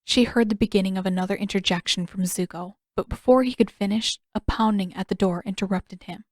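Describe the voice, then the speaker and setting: A woman reading her own fan fiction aloud in a measured, expressive storytelling manner. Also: mid-range voice, no echo, clean studio sound. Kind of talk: fan audiobook narration.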